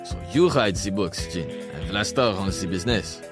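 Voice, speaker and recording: A knowing figure in an audio spy adventure. He speaks in a measured way, with a low voice set over clear background music. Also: expressive. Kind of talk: audio drama acting. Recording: music under the dialogue.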